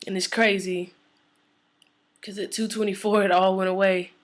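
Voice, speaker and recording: A woman's voice: mid-range voice, flat delivery, moderate pace. A woman reciting her own spoken word poem in a conversational, emotional rhythm.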